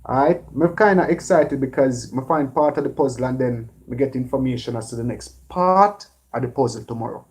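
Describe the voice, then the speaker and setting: A Jamaican man hosting a casual live stream, giving relaxed shout-outs to viewers by name. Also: medium pitch, fairly quick, hardly any pauses. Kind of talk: live stream chat, reading viewer names.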